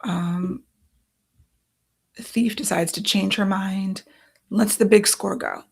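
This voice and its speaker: A woman's voice: mid-range voice, steady tone, slow pace, vocal fry, darkish tone, husky. A woman author losing her voice, thinking aloud as she talks through her writing process and reads from note cards.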